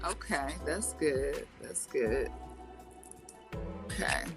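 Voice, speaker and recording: A woman's voice: a bass voice, lively intonation, extremely slow, over music. A woman hosting a casual talk show, laid-back and full of fillers like "you know" and "um". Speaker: host.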